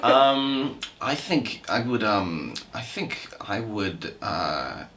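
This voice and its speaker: A man's voice: fairly low pitch, big pitch swings, extremely slow, a bit bright. A young man, a cast member, teasing and joking in a casual group chat. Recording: noisy crowd behind.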